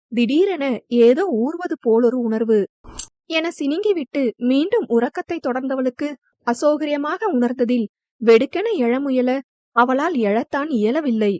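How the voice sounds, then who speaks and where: A woman narrating an audio novel in a steady, expressive storytelling way. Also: sits high, dry recording, dull audio. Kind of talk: scripted narration.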